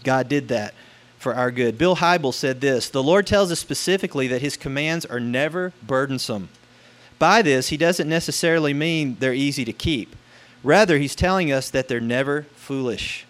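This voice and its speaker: A man's voice: medium pitch, normal speed, a bit bright. A man preaching a casual sermon in an upbeat, conversational youth-pastor manner, asking rhetorical questions and repeating key words for emphasis.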